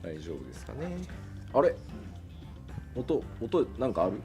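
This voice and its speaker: A man's voice: medium pitch, wildly swooping pitch, fairly quick, darkish tone, faint music behind. A man presenting a live broadcast in a casual, polite conversational way.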